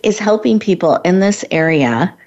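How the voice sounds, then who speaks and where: A woman's voice: on the low side, expressive, moderate pace, darkish tone. A woman hosting an interview, introducing and encouraging her guest in an effusive way. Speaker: podcast host. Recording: dull lo-fi audio.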